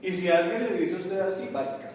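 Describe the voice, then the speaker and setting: Profesor colombiano animado en un aula con eco. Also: male voice, high-pitched, fairly quick, crowd noise. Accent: Colombian Spanish. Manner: animated, addresses students with Colombian slang. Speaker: English teacher. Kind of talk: classroom lesson. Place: classroom. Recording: echoey classroom, from far off.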